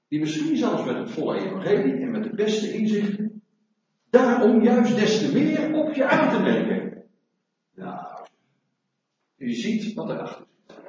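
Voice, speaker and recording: A middle-aged man preaching a sermon, lively and asking rhetorical questions of his congregation, recorded from afar in a church hall. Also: sits high, slight background noise. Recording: echoey hall, mic far off, dull sound.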